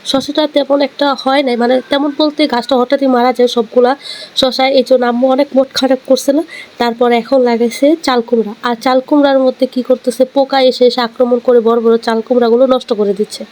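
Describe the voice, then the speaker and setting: A woman, hoarse from a cold, chatting to viewers in a casual vlog voice-over. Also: high-pitched, flat delivery, quick pace, a little mellow. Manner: chatty, addresses viewers directly. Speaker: vlogger.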